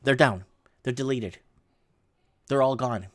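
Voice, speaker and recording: A middle-aged native Portuguese speaker hosts a livestream, casually reading news headlines aloud and adding rambling, sarcastic asides. His voice is medium-pitched and his pace slow.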